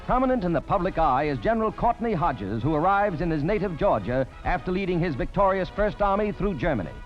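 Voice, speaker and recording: A man's voice: sits high, sing-song, brisk. A man narrating an old 1940s newsreel in an emphatic, declamatory announcer style. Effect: old 1940s newsreel soundtrack. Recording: dull lo-fi old film soundtrack with music. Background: music score.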